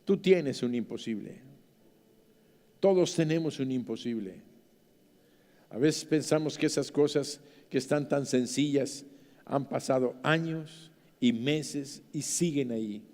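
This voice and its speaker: A man with a Mexican accent preaching a sermon as pastor, dramatic, swinging from soft to loud. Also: mid-range voice. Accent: Mexican Spanish. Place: church. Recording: church hall reverb.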